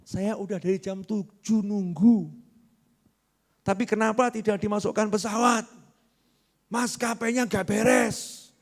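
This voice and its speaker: A man's voice: high voice, steady tone, unhurried, pauses often, voice pushed up. A man voicing an impatient male airline passenger who complains and mutters while waiting. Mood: indignant. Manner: complaining, muttering under breath.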